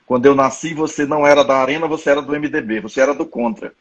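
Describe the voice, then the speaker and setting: A man's voice: mid-range voice, steady tone, racing, lo-fi sound. A man in his fifties with a Brazilian Portuguese accent, hosting a live online talk and telling personal anecdotes in a conversational way. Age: 50s. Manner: conversational, anecdotal, restarts often. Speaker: live-stream host. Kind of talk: live-stream discussion.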